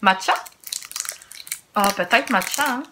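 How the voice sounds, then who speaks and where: A woman in her thirties with a Québécois accent, chatting quietly and reacting aloud as she tastes snacks at home. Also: fairly high pitch, lively intonation, takes it slowly. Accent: Québécois French. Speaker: vlogger. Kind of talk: casual snack tasting vlog. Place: home, indoors. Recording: noisy home video with wrapper crinkling.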